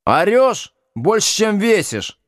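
A man's voice: sits high, slow pace, dry recording, studio quality, pitched above the performer's own voice, heavily acted. A man voicing a sensible, reproachful teenage girl in an audiobook. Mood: calm. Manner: calm, reproachful.

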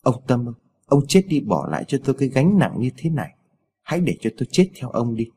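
A man voicing a weary, widowed mother, speaking in a tired, pleading way with a husky tone. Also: medium pitch, expressive, a little fast, dark tone. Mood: bitter despairing. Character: worn-out grieving widowed mother.

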